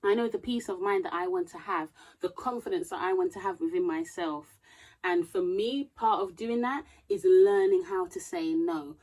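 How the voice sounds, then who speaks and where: With a lowish, slightly mellow voice at a moderate pace, a woman in her thirties gives sincere, preachy advice to camera. She occasionally consults notes, and her delivery becomes more emphatic over time.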